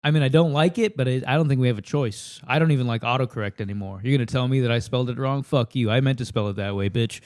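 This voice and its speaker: Holding a handheld mic at a table in a house, a man from the United States, a comedian contestant, riffs through a crude, self-deprecating improvised rant. He talks fast with few pauses, at a medium pitch with a darkish tone, and the studio sound is clean without echo.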